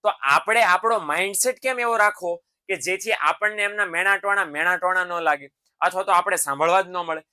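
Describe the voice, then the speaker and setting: A man's voice: high voice, a little fast, pushed and bright, clear, resonant tone. A man giving a motivational lesson to students. He talks in a fatherly way, calls them his sons and keeps checking in with tag questions. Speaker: teacher.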